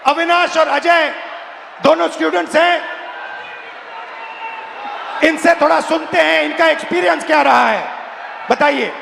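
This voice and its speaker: A man's voice: very high-pitched, measured pace, creaky, long pauses, pushed and bright. A man hosting a public question-and-answer session, prompting students with short questions in a raised voice. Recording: echoey noisy hall with audible crowd.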